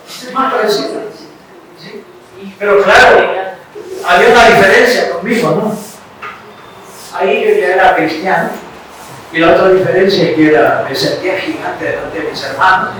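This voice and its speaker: High-voiced Ecuadorian preacher in echoey hall. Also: male voice. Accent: Ecuadorian Spanish. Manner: storytelling, checks in with listeners with "¿sí?" and "¿no?". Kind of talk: sermon with personal testimony. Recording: very echoey room, mic far off, faint hiss.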